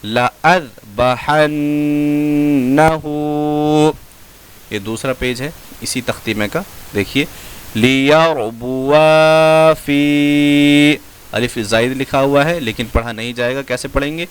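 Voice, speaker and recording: A man teaching Quranic spelling in a slow classroom lesson, drawing out each recited word in a chant and then explaining quickly in a lower voice. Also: fairly bright tone. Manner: drawn-out chanted recitation of words between quick low explanations.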